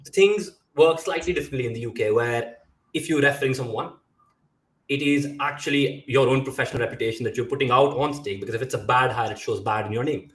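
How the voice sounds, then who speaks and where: Man, from India, career coach, earnest, list-by-list explanations, mid pitch, echoey room. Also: fast. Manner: earnest, explanatory, lists points, many fillers. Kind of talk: live interview advice.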